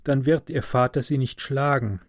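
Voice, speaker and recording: A man reading a storybook aloud, voicing a kind, sorrowful prince statue in an earnest, gently insistent voice. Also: medium pitch, moderate pace, dry recording, studio quality, lightly acted.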